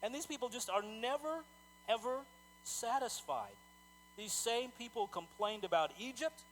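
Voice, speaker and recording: A male pastor preaching a sermon in a conversational, animated way, often repeating words as he talks. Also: very high voice, moderate pace, slight background noise, low-quality recording.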